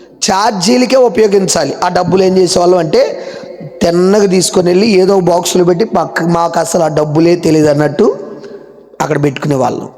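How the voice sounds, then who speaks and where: A male pastor preaching a sermon loudly, firing questions at the congregation and waiting for replies. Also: sits high, fairly quick. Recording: long hall reverb.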